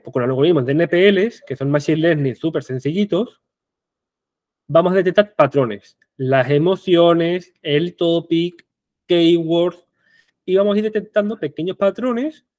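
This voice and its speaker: Speaking through a headset in a small room, a young Andalusian man delivers a lively online conference presentation, full of rhetorical questions and frequent restarts. His pitch runs a little high, and the audio is clean, studio-like, and echo-free; his Andalusian Spanish accent is pronounced.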